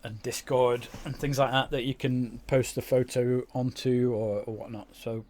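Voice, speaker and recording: A man's voice: medium pitch, flat delivery, moderate pace, darkish tone. A man giving casual, rambling commentary over his own gameplay, with many fillers and restarts. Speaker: game YouTuber.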